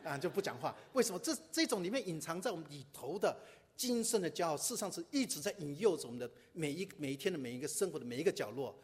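Brief: male pastor, quick conversational sermon, husky voice, long hall reverb. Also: a little high. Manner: conversational preaching with rhetorical questions and English asides.

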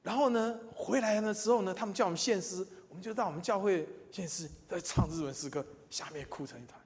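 Animated older preacher in a reverberant hall. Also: male voice, sits high, fast talker. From Taiwan. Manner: animated, swings between loud emphatic and quiet asides. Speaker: church speaker. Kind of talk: sermon with personal testimony. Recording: long reverb in a large hall.

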